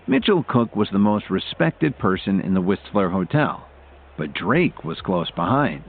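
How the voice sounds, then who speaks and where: A man narrating an audiobook in an expressive storytelling manner, heard through tinny phone-like audio. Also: low voice, unhurried, a little hiss or hum.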